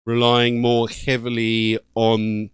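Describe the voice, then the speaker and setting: A man's voice: mid-range voice, monotone, slow pace, clean tone, dry recording, clean studio sound. A British man hosting a gaming channel, giving casual, slangy reaction commentary in an informal way. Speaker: YouTube gaming channel host.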